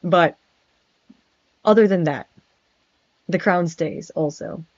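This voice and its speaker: A woman's voice: on the low side, takes it slowly, no room sound. Giggly stammering woman, vampire prince persona. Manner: giggly, stammering, nervous laughter. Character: nervous friendly male vampire prince. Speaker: virtual streamer. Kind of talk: casual in-character stream chat. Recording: dry, dull lo-fi mic.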